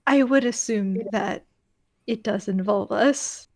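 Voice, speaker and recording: A woman playing a tabletop game, speaking for her character in a measured, deliberate manner. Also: a little high, a little mellow, no echo, studio quality.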